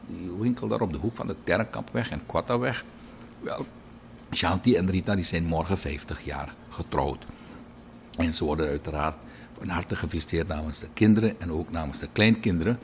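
A middle-aged man with a very low voice reads out birthday wishes like a broadcast host. He talks in a chatty, lively way and drifts into anecdotes between names. A faint ambient hiss sits under his voice. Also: normal speed, creaky. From Suriname. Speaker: radio and TV presenter.

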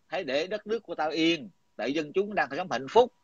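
Middle-aged guy ranting fast, blunt and coarse, dull dry lo-fi sound. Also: on the high side, expressive, husky, no echo. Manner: blunt, coarse, combative, repeats himself. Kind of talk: heated casual talk.

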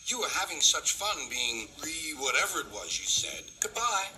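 A man's voice: on the high side, sing-song, normal speed, background noise. A man voicing a proud, self-satisfied male tank engine with a dry manner. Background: music.

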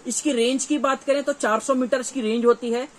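In a small, cluttered indoor gear shop, a dealer in his thirties with a North Indian accent gives an informal, repetitive sales showcase to camera. His voice is very high with fairly even intonation, and he speaks fairly quickly. Faint shop noise sits in the background.

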